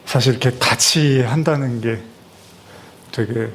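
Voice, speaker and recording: A man's voice: medium pitch, measured pace, a little hiss or hum. Conversational middle-aged male pastor preaching. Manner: conversational storytelling, many fillers. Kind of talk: Christmas sermon.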